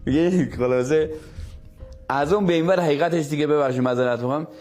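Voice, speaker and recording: Higher-voiced man telling a story emphatically. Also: darkish tone, soft background music. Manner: emphatic, repeats phrases. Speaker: storyteller guest. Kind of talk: animated storytelling.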